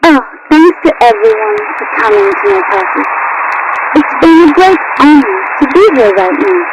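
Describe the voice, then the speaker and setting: A woman voicing a sweet, wistful teenage girl kitten in a cartoon, with a raspy, childlike voice. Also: very high-pitched, big pitch swings, normal speed, over a noisy crowd, heavy background noise, full character voice. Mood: delighted, polite. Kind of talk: cartoon character acting.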